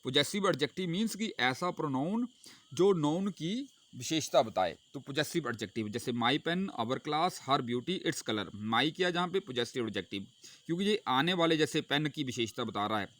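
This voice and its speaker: Man, grammar teacher, fairly high voice, Hindi explanation, slow English examples, self-answered questions. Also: animated, fairly bright tone. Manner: asks questions then answers them himself.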